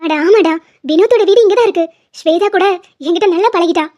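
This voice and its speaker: A very high, piping voice with a dark, mellow tone: an impulsive, loyal young heroine, as a woman dubs her in a cartoon love story. She pleads and presses with tearful urgency. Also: fast. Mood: chatty. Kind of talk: Tamil cartoon dubbing.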